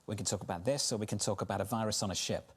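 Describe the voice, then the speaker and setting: Brisk, husky news anchor man. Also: lowish voice. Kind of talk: live broadcast banter.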